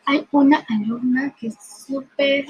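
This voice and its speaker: A woman's voice: sits high, fairly even intonation, measured pace, lo-fi sound. A woman voicing a grown daughter, a poet and teacher, who speaks earnestly and pleadingly to her parents in a told story.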